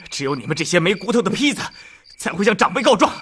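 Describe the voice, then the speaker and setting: An actor playing a hot-tempered young rustic martial arts student who shouts defiantly. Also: male voice, high voice, sing-song, quick pace, very noisy. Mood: indignant. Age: young adult.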